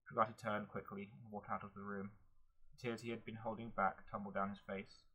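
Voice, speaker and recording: Husky, low-voiced male narrator. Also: flat delivery, a little fast, bright, forceful tone, rough recording. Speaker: audiobook narrator. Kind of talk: audiobook narration.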